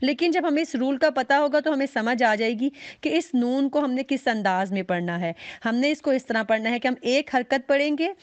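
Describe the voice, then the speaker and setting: A woman teaching a recitation class, patiently explaining step by step and drawing out each example as she reads it slowly. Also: high-pitched, dry recording. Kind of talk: online class lecture.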